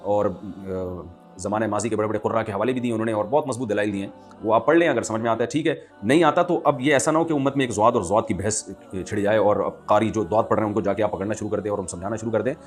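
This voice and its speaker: A man, an Islamic scholar answering listeners' questions in a lecturing manner and reciting Arabic lines slowly. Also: fairly low pitch, soft background music. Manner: lecturing, quotes Arabic verse slowly and clearly. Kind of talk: religious Q&A talk.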